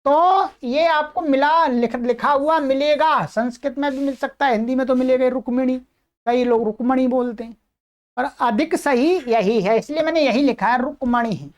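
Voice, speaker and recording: A woman teaching Sanskrit in a recorded lesson, going over an answer sheet with a patient, explaining manner. She reads translations and examples slowly, word by word, and keeps checking in with the listener. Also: sits high.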